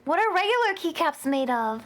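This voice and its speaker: A young woman with a high voice chats casually on her live stream, greeting viewers and answering chat with lots of giggles. She sounds tired and worn down by a headache. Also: very animated, fairly quick, a bit bright.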